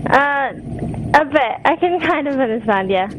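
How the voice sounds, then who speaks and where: A woman with a high voice answers a work phone call over clear background noise. She is polite and hesitant with the caller. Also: animated, normal speed. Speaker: customer-facing worker answering a phone.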